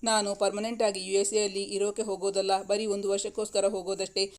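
A woman's voice: medium pitch, flat delivery, fast talker, close to an everyday voice. A woman voicing a tender, reassuring young man in a read-aloud romance story, speaking evenly.

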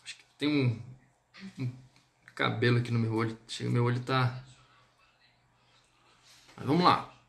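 A man's voice: medium pitch, measured pace, gravelly, pauses often, fairly bright tone. A man teaching a live online French lesson, speaking to viewers on a phone or webcam mic and checking in with them often.

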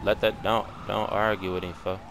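Young male gamer, gravelly and lively, mocking trash talk over game gunfire noise. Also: fairly low pitch, moderate pace. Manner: profane mocking trash talk, laughs at rivals. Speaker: gamer in online voice chat. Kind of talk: casual gaming chat.

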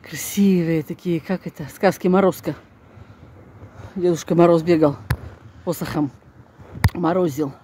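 In a low, steady, mellow voice, an older woman with a Northern Russian accent speaks unhurriedly to viewers, leaving long pauses as she chats and grumbles while walking. This casual vlog moves along snowy residential streets and briefly into a stairwell and a bus. It's captured on a handheld phone, noisy and full of street sound.

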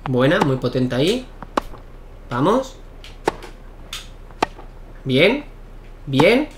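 A young man giving excitable live commentary while playing a tennis video game, shouting at key points. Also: fairly high pitch, extremely slow, background noise. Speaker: gaming YouTuber.

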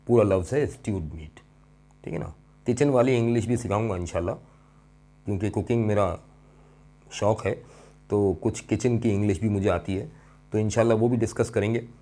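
A middle-aged man teaching an English grammar lesson, explaining step by step and quizzing his students, stressing key words slowly. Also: on the low side, dark tone. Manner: slow and emphatic over key words.

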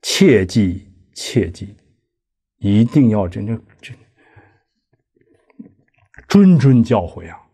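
A man's voice: fairly low pitch, sing-song, slow, pauses often, dark tone, slightly rough. A man giving a lecture, explaining a classical text line by line with conversational asides and rhetorical questions. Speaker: lecturer on Buddhist practice. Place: lecture hall.

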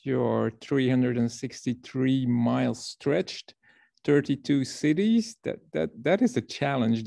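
A man from Belgium presents to a workshop over a video call, with a gravelly, dark voice. He explains and tells a story at length, repeating words now and then. The sound is dry and close. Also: mid-range voice, no room sound.

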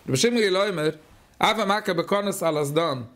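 A man with a Yiddish accent teaching a Talmud class, talking haltingly, repeating words and using many fillers. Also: high-pitched, expressive, fairly bright tone.

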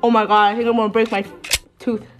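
A woman's voice: on the high side, flat delivery, fast talker, dull audio. A woman chatting off the cuff with friends in a casual way. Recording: music over the voice.

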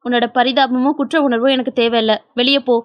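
A woman's voice: fairly high pitch, brisk, no room sound, highs cut off, pitched below the performer's own voice, close to an everyday voice. Woman voicing a cold, curt young husband. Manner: flat, curt and unyielding. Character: cold, bitter young husband, newly blinded.

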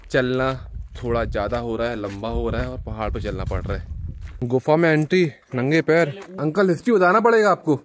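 A man in his thirties chats easily to the handheld camera he carries. He walks along outdoors and then squeezes through a cramped, dark cave, still talking the whole time. His pitch sits in the middle range for a man. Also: animated, fairly quick, noisy background. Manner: chatty, talks to the camera while walking. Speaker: vlogger. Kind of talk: casual travel vlog narration. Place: outdoors on a hill path, then inside a narrow dark cave. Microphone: handheld camera at arm's length.

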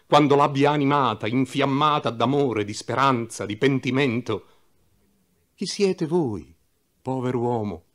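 An elderly cardinal full of gentle, loving fervor, as a man reads him aloud. He pleads in rising, impassioned oratory, carried by a mid-pitched male voice. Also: close to an everyday voice.

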